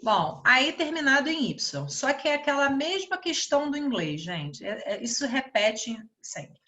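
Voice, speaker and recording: Woman, Brazilian Portuguese accent, English teacher, unhurried pace, bright clear tone, repeats example words. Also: high voice, very animated. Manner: explains slowly, repeats words and asks "né?". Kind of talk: online grammar lesson.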